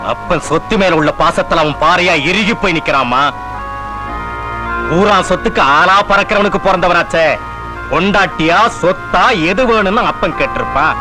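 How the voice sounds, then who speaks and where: A man's voice: on the high side, lightly acted, poor audio. An actor playing a middle-aged father-in-law who scorns and berates his son-in-law, in a film soundtrack with faint music. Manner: scornful, accusing. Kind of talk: film drama dialogue.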